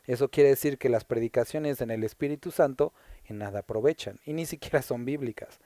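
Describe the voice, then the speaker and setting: A man's voice: medium pitch, fairly quick, dark tone, no echo, studio quality. A man from Mexico with a Puebla accent, a pastor teaching the Bible verse by verse in a conversational style, stopping to ask rhetorical questions. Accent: Puebla Mexican Spanish.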